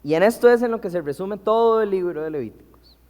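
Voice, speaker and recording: Male preacher, higher voice, teaching sermon with questions to the room; long hall reverb. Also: lively intonation, darkish tone. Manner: teaching, asks the congregation questions and reads scripture slowly.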